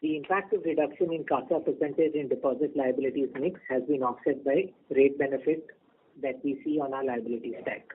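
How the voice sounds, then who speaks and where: A man, a bank executive reading prepared earnings remarks over a conference call, measured and steady through lists of figures. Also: mid-range voice. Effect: conference call over a phone line. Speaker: bank executive presenting results. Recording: tinny phone line with faint noise.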